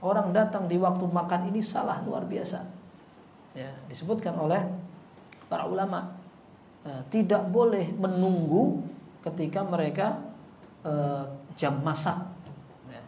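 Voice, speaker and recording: A man teaching an Islamic study lecture in a relaxed way, with light humor and lively acted-out quotes. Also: sits high, a little slow, long pauses, slight background noise. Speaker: religious teacher. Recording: roomy echo, faint ambience.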